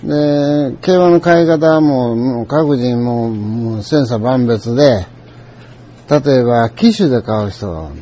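A man's voice: medium pitch, a little slow, warm tone, slight background noise. A man with a Kansai accent, telling a rambling, conversational story with many asides. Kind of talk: storytelling monologue. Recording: dull lo-fi recording.

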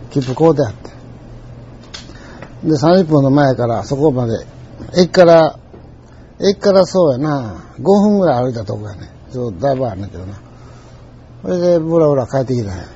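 A man's voice: fairly high pitch, mellow, dull audio, slight background noise. An older man with a Kansai accent, telling old stories in a rambling way and chuckling now and then. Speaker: storyteller. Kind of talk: casual spoken reminiscence.

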